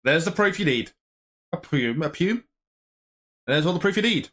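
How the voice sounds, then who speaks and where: A man's voice: on the high side, lively intonation, moderate pace, fairly bright tone. Chatty man commentating a racing game. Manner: chatty, rambling, mock-commentates. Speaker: gaming YouTuber.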